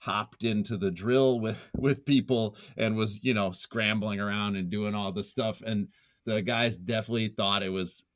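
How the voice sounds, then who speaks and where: In studio-quality sound without echo, a fairly low-voiced man talks at a moderate pace and a fairly even pitch. The writer and journalist answers interview questions casually, poking fun at himself in a goofy way and chuckling a lot.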